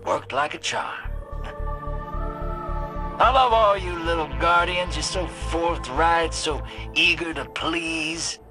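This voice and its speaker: A man's voice: on the high side, slow, long pauses, over music. An actor playing a shady, cynical male drifter and old survivor in a video game, with a sly, folksy drawl. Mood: sly, goading. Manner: sly, folksy drawl, addressing the listener as kid and partner. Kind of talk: video game character monologue.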